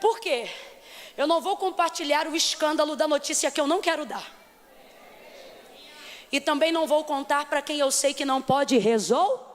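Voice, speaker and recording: High-pitched Brazilian woman, Rio accent, dramatic preacher who shouts at peaks; hall reverb on the recording. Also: moderate pace, long pauses. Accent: Rio de Janeiro Portuguese. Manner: dramatic, acts out scenes, rising to shouts. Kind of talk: sermon. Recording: long hall reverb, faint noise.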